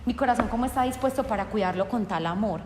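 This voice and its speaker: A woman gives a personal faith testimony to an audience, speaking earnestly and acting out remembered conversations. She talks fast in a medium-pitched, slightly mellow voice, and the recording has a little hiss or hum plus the long reverb of an echoey hall.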